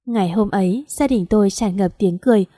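A woman narrating a first-person audio story in a steady, even storytelling manner. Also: medium pitch, brisk, no room sound, studio quality.

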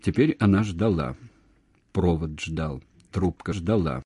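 A man reading literary prose aloud in a quiet, measured, expressive way. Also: low-pitched, slightly rough, no echo, studio quality. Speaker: audiobook reader. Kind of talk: literary narration.

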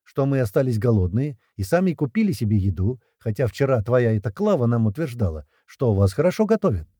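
A man playing a cocky tough guy, calm and mocking as he needles his target. His voice is husky and dark, rising higher when he pushes. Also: brisk, no echo, studio quality. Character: cocky, mocking male gang member.

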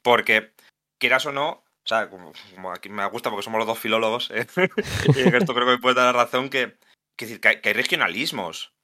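A video game translator from Asturias, Spain, chats as a guest on a podcast in a bright, forceful mid-range voice, talking a little fast. He thinks aloud, often restarting and correcting himself.

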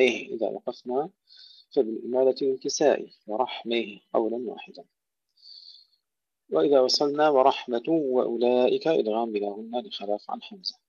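A man teaching Quran recitation, who recites phrases slowly and loudly and then explains each rule in a plain teaching voice. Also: mid-range voice, no room sound. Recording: dull, dry lo-fi recording.

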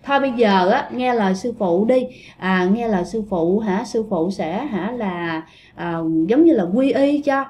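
A woman voicing a patient Buddhist nun who gently coaxes a spirit. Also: mid-range voice, lively intonation, measured pace, lightly acted. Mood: coaxing. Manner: coaxing, gently insistent.

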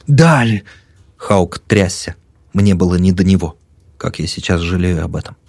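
A man narrating a first-person mystery story in a tense, measured way. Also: low-pitched, level tone, creaky, a little mellow, dry recording. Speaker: audiobook narrator.

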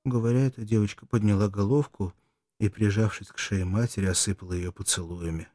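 Male audiobook narrator, low voice, slow solemn reading, dry close sound. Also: steady tone, warm tone, dry recording. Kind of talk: scripted narration.

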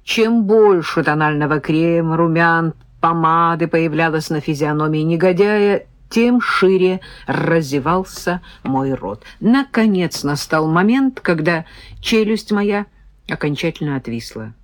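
A woman narrating a detective audiobook in an expressive, animated manner. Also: low voice, unhurried, dry recording. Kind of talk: scripted narration.

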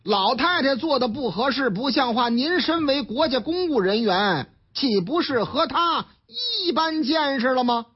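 A man's voice: extremely high pitch, expressive, a little slow, few pauses, husky. A man with a Beijing accent giving colloquial storytelling-style news commentary on the radio. He acts out the characters in the stories he tells. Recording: dull lo-fi radio sound.

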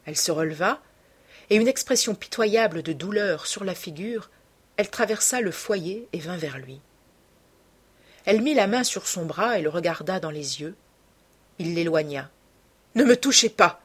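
A woman narrating a classic novel in a measured, hushed storytelling manner, with a husky voice. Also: on the low side, lively intonation. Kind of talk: literary audiobook narration.

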